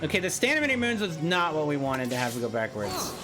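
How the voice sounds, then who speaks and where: A man's voice: on the high side, huge pitch swings, quick pace. A man doing live game commentary as a streamer, grumbling and swearing as he goes. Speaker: gaming streamer.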